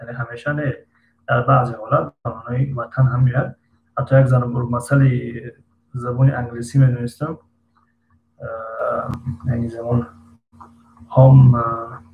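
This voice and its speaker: Male English teacher, gravelly voice, patient quizzing style, echoey room. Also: mid-range voice, muffled recording, slight background noise. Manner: patient, quizzes students by name. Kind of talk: online English lesson.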